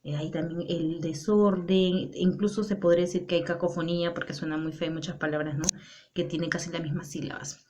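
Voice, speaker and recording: A woman's voice: fairly low pitch, steady tone, a little fast, a little mellow, a little hiss or hum. A woman teacher explaining a language lesson, often checking in with rhetorical questions. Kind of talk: classroom lesson.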